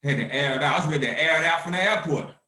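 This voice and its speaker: A man hosting a conference call, talking with fire and swinging from shouting to hushed calm. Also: on the high side, rapid-fire, recorded from a distance. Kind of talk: impassioned activist talk. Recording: roomy echo.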